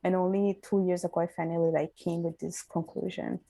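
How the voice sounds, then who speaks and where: A woman's voice: fairly low pitch, flat delivery, a little fast, vocal fry, dark tone, dry recording, poor audio. A young woman with an Italian accent, a podcast guest talking earnestly in a casual interview and often restarting her sentences. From Italy.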